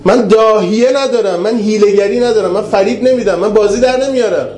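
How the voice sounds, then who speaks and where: High-pitched preacher in an echoey hall. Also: male voice, slight background noise. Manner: animated storytelling, swings between raised and hushed. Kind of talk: religious lecture. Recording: roomy hall with faint ambience.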